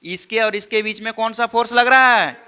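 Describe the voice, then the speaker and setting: Male chemistry teacher, high bright voice, classroom quizzing style. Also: brisk, clean tone. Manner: quizzing students with repeated questions. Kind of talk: classroom lecture.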